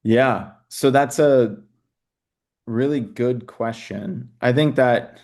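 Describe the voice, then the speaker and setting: A man's voice: mid-range voice, slow, darkish tone. A man hosting a live question-and-answer session, talking casually with many fillers. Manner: casual, chatty, plays sellers' lines in quotes, many "you know"s. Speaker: host. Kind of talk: live Q&A on a video call.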